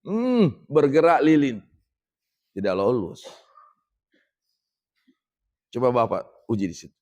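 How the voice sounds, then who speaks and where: Middle-aged Indonesian preacher, chatty mosque talk, slow careful Arabic recitation. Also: male voice, mid-range voice, very animated, a little mellow, lo-fi sound. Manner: conversational, addresses listeners as Pak, recites Arabic slowly. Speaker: ustadz giving a mosque lecture. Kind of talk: religious lecture.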